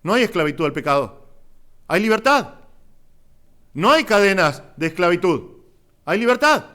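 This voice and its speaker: A male pastor with a Rioplatense Spanish accent, preaching an impassioned sermon that swings between loud exclamations and hushed asides. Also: sits high, very animated, moderate pace. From Argentina.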